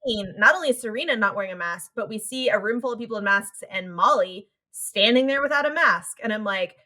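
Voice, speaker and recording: A woman's voice: mid-range voice, lively intonation, a little fast, bright, forceful tone. A woman in her thirties co-hosting a podcast in casual chat, playful and acting out quoted lines. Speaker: podcast co-host.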